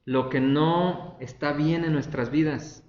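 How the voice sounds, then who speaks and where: A man's voice: on the high side, steady tone, slow pace, a little mellow, echoey room, dull audio, a little hiss or hum. A man preaching a sermon as a pastor, conversational and often asking the congregation questions.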